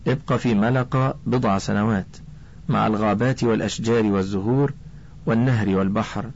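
A man voicing an older male botanist scholar, speaking gently and slowly like a kind mentor. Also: fairly low pitch. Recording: dull lo-fi recording.

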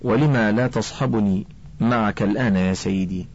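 A kindly, wise old botanist talks slowly and gently to a young pupil, as a male storybook narrator puts him on. His voice sits low and mellow. The recording sounds dull and lo-fi.

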